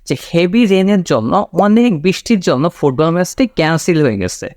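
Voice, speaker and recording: A man teaching English vocabulary in a casual spoken lesson, explaining slowly, repeating key words and checking in with "okay?". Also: on the high side, animated, a little mellow.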